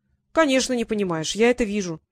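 A domineering elderly duchess lays down the rules to her niece in firm, decisive phrases, as a woman reads her part. The voice is dry and close, with no room around it, and the delivery is slow and deliberate. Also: medium pitch, animated, no room sound, close to an everyday voice. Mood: commanding. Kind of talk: audiobook character reading.

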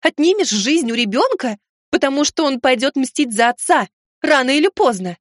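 Man putting on a firm, reasoning mother in a high voice. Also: sing-song, normal speed, a bit bright, no room sound, clean studio sound, full character voice. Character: stern sensible mother, grown woman. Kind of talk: audiobook character voice.

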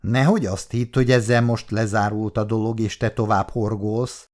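An actor doing a worried old retired husband for a 1960s radio drama, grumbling, muttering. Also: male voice, lowish voice, fairly even intonation, a little mellow, lightly acted. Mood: firm. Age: older.

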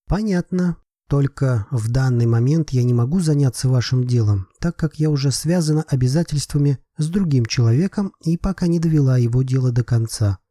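A man's voice: medium pitch, a little fast, hardly any pauses, dry recording, lightly acted. A man reading an audiobook voices a composed woman private detective who speaks politely and with dry irony. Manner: calm, polite, slightly ironic.

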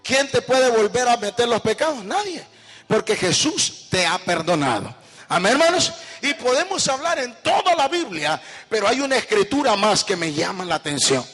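High-voiced fervent man preaching in an echoing church. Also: big pitch swings, moderate pace, fairly bright tone, husky, faint music behind. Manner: fervent preaching with call-and-response questions to the congregation. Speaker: pastor. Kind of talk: sermon. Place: church hall. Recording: echoey church hall with long reverb.

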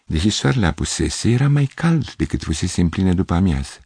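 A man reading a literary story aloud in a measured, steady narration. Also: sits low, slightly rough, no room sound, clean studio sound.

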